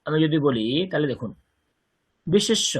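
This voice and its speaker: A man's voice: on the high side, big pitch swings, moderate pace, breathy edge. A man with a Bengali accent teaching a Sanskrit grammar lesson, patiently explaining and repeating words for his students. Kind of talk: online language lesson.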